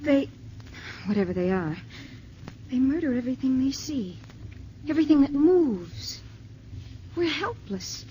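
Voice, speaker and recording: A young woman playing a gentle, frightened heroine in a 1950s radio drama, speaking softly and wistfully. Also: high voice, lively intonation, measured pace, pauses often. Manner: soft, wistful. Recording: muffled old radio broadcast with faint hiss.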